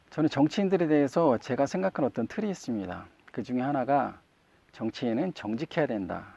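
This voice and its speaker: A male minister delivers a sermon in a relaxed, conversational way, putting questions to his listeners. His voice has a gravelly, creaky edge. The recording is dry and a little muffled. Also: mid-range voice, dry recording. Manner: conversational, asks the congregation questions. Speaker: Won Buddhist minister.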